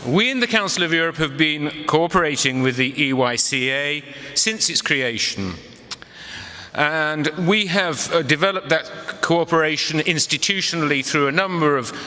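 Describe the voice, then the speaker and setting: A man's voice: fairly high pitch, animated, sharp tone. Wry older man speaking in an echoing hall. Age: 60s. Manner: wry, conversational, with pauses for effect. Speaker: Council of Europe official, guest speaker. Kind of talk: ceremonial speech with wry humour. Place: large echoing hall at an evening event. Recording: reverberant hall.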